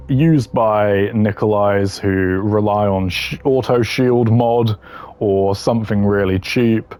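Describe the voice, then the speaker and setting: A gaming content creator ranks voice lines in a fairly low, mellow voice. His commentary is casual and opinionated, delivered bluntly and dismissively with dry humour.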